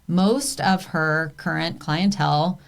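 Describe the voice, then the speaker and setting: Bubbly, low-voiced woman podcast host. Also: takes it slowly, gravelly. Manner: bubbly, enthusiastic. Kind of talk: chatty podcast intro.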